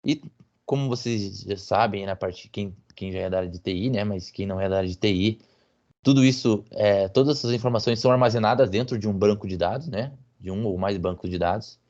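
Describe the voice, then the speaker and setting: A guest speaker on business intelligence gives a technical talk over a video call, hesitant and packed with fillers and tag questions. His voice is on the low side, fairly quick and darkish, and the audio is muffled and lo-fi.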